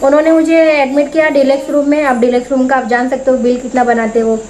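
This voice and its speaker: A high-pitched young woman from India tells a personal story straight to her camera. She talks in a chatty, lively way and slips into the voices of the people she is quoting. A faint hiss of background noise runs behind her. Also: quick pace, rough recording. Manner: chatty, animated, acts out quoted voices. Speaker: vlogger.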